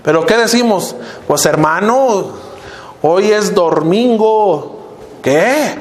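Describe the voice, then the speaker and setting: Preaching slowly and with lively intonation, an older Mexican-accented minister speaks in a fairly high register, letting each phrase sink in pitch as it ends. He keeps addressing the congregation as brothers, and a roomy church hall's echo surrounds his voice.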